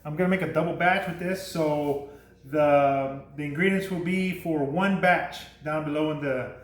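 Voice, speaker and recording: Chatty dad cooking in an echoey kitchen. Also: male voice, on the high side, moderate pace. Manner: rambling, self-correcting, chuckling at his slips. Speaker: home cooking show host. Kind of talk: casual cooking demo. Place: home kitchen. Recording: echoey kitchen, clear background noise.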